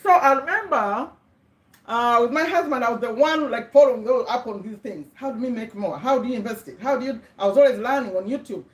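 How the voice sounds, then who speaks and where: A chatty Ugandan woman hosts a casual motivational livestream, speaking briskly in a fairly high voice. She keeps checking in with her viewers and repeats words for emphasis, and the room she's in sounds echoey.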